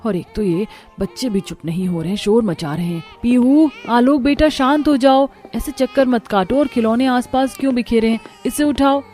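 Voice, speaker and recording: A woman's voice: on the low side, brisk, few pauses, mellow, faint music behind, natural voice. A woman voicing a frazzled young mother and daughter-in-law in a cartoon story. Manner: exasperated.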